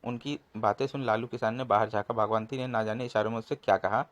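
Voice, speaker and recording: A man narrating a comic folk tale in a brisk, expressive storybook manner. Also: fairly low pitch, no room sound.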